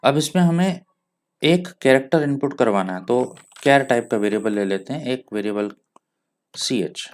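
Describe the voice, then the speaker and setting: Speaking at a normal speed with lively intonation, this mid-range male voice carries an Indian accent as he teaches coding in a screen-recorded tutorial. He explains each step patiently and mixes English terms into his speech.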